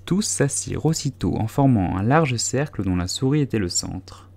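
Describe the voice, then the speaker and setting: A man reading a children's classic aloud as audiobook narrator, in a measured storytelling voice. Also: medium pitch, animated, a little mellow, slightly rough. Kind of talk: scripted narration.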